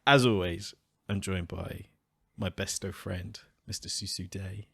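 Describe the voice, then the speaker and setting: Male podcast host, lowish, dry close sound, relaxed chat. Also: unhurried, creaky, slightly rough, no room sound. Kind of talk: casual chat.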